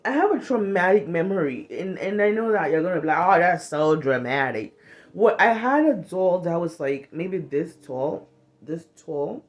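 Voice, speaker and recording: Frank and animated, a vlogger from Cameroon swears freely and acts out little quoted lines while talking casually to camera about trauma healing. Her voice is mid-range, and she films indoors in a small bedroom with a phone camera held at arm's length.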